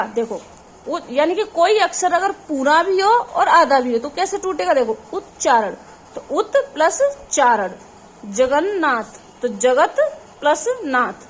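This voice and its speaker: Female teacher, high pitch, quizzes the class and answers herself, light background hiss. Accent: Hindi. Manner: calls the audience "children", asks questions and answers them herself. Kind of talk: exam-prep grammar lesson.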